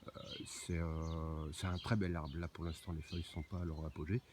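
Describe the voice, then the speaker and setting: Deep-voiced guy walking round his garden, hesitant, lots of euhs, faint outdoor noise. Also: flat delivery, moderate pace. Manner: hesitant, many fillers and restarts. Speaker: amateur gardener giving a garden tour. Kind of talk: casual walking garden tour.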